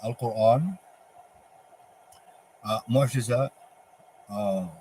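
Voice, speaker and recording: A man with a Palestinian Arabic accent giving an informal religious monologue, halting and posing emphatic rhetorical questions. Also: medium pitch, dark tone. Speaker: religious speaker. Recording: clearly noisy ambient background.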